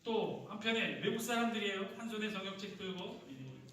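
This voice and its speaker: A man's voice: sits high, animated, a little fast, fairly bright tone, a little hiss or hum. A male pastor delivering a Sunday sermon in a conversational way, quizzing the congregation and playfully imitating regional dialect words. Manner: conversational, asks the congregation questions and repeats their answers. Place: church sanctuary. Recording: very echoey hall, mic at a distance.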